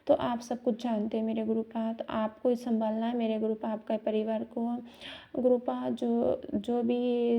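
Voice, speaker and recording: A middle-aged woman giving a halting devotional testimony of thanks, with many restarts and fillers. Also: on the high side, creaky, muffled recording.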